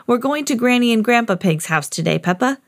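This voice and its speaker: A woman voicing a gentle, patient, motherly pig in a children's storybook. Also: on the high side, lively intonation, brisk, voice pushed up. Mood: sleepy. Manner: patient, instructing.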